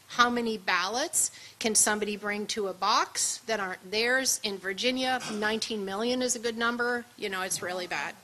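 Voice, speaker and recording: Woman seminar speaker, bright, punchy, chatty delivery, faint room hiss behind. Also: mid-range voice, rough recording. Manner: conversational, emphatic, punchy asides. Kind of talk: luncheon presentation.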